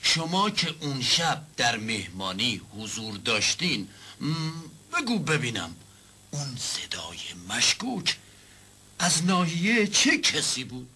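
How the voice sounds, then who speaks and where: An actor playing a stern, pompous nobleman who presides as judge, pedantic and quick to demand silence. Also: medium pitch, sing-song, sharp tone, husky, exaggerated voice. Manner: pedantic, orders silence, corrects words.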